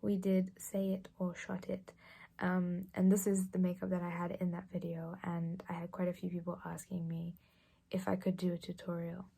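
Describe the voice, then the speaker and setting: A 21-year-old woman, chatting casually through a makeup tutorial in a relaxed, often half-whispered way. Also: on the low side, normal speed, creaky, breathy edge. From England. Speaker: beauty vlogger.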